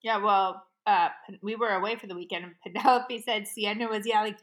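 Bright, lively woman, forties, casual podcast co-host telling stories. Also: medium pitch, brisk. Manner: animated storyteller, laughs often. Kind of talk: casual chat.

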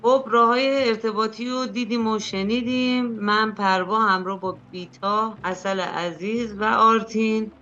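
A woman co-hosting a talk radio show, talking in a relaxed, direct, conversational way. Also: fairly high pitch, hardly any pauses, dull audio, faint music behind. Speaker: co-host.

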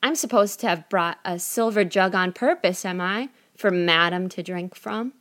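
Rude proud young girl, sneering and loud; woman storyteller voices her. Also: lowish voice, moderate pace, close to an everyday voice. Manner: sneering and sulky.

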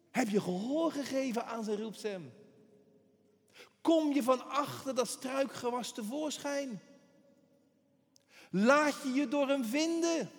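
A man's voice: high-pitched, long reverb tail. A man preaching a sermon with emphasis, repeating words for effect.

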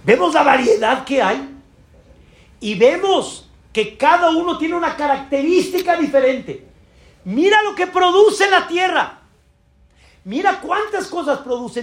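A man's voice: very high-pitched, fairly bright tone. A man, a rabbi giving an emphatic sermon full of rhetorical questions and exclamations.

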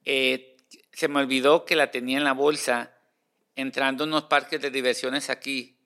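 A man's voice: medium pitch, little pitch movement, normal speed, pushed and bright. A man hosting a casual chat, reacting often with short interjections and telling his own story. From United States.

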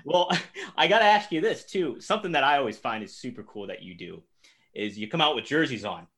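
A man's voice: mid-range voice, lively intonation, brisk, a bit bright. A man hosting a casual interview, playful and joking, often breaking into laughter. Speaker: interview host.

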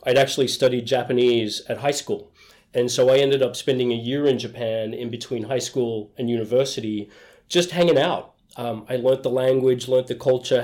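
A middle-aged man with an Australian accent, telling stories with enthusiasm as a guest in a conversational interview. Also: mid-range voice. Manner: enthusiastic, relaxed storytelling. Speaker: guest, HR executive.

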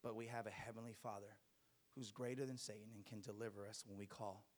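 A man's voice: fairly low pitch, fairly even intonation, fast talker. A man preaching a sermon to a congregation, exhorting them emphatically with rhetorical questions and repeated phrases.

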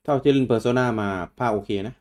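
A man's voice: mid-range voice, fairly even intonation, a little fast, a little mellow. A man co-hosting a casual game chat, mostly adding short agreeing remarks. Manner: brief agreeing interjections. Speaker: co-host.

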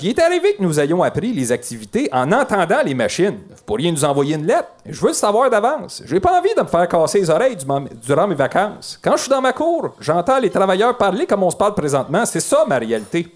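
A fed-up rural citizen rolls every R in a raised, lively voice, as a Quebec French man puts him on. He speaks with a Quebec accent and a complaining edge. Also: high-pitched, fast talker, few pauses, pitched above the performer's own voice. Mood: indignant. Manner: complaining, rolled R's. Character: irate rural male citizen rolling his R's.

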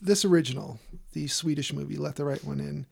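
Male podcast host: fairly high voice, heavy vocal fry, wry and conversational. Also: fairly quick, a little mellow. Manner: joking, wry. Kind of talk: casual film chat.

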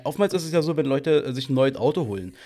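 Chatty teasing podcast host. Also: male voice, fairly high pitch, lively intonation, fast talker, warm tone. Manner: chatty, teasing, laughs often. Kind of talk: casual chat.

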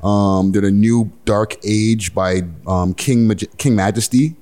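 Low-voiced man on a podcast. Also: fairly even intonation, slow pace, mellow. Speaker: podcast co-host running sound effects. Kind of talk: casual podcast chat.

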